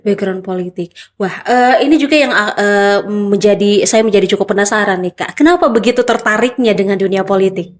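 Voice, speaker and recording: A woman's voice: medium pitch, a little fast. A woman hosting a podcast interview, asking friendly, upbeat questions with frequent fillers. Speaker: podcast host.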